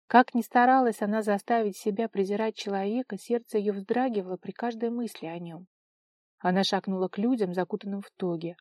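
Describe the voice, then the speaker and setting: A woman's voice: mid-range voice, a little mellow, dry recording. A woman reading an audiobook as narrator, telling the story expressively and dramatically.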